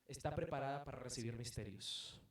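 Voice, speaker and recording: A Colombian man preaching a sermon as pastor, emphatic, asking rhetorical questions and swinging between loud and soft. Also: mid-range voice, a little fast. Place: church hall. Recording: very echoey room, mic at a distance.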